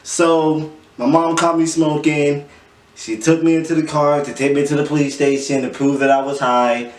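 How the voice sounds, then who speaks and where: A man's voice: fairly high pitch, flat delivery, normal speed. Slangy stoner guy in an echoey room. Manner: slangy, profane stoner talk. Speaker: host of a smoking chat show. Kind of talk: casual storytelling chat. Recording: echoey room, distant mic.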